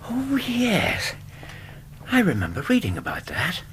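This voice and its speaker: A British actor playing a genial, inquisitive Victorian doctor in a radio drama, polite in manner. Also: male voice, high voice, huge pitch swings, measured pace, background noise, exaggerated voice.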